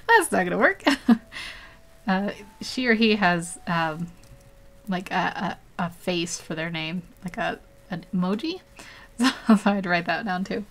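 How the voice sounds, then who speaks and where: A woman's voice: on the low side, measured pace, a bit bright. A woman chatting casually while she paints live on a tablet, laughing often and rambling with lots of fillers. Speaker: digital painting livestreamer.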